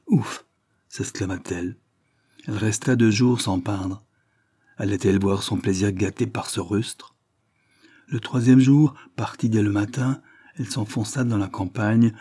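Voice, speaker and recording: A man reading a literary short story aloud in a measured, expressive narration. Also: lowish voice, slightly rough, no echo, clean studio sound. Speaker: audiobook reader.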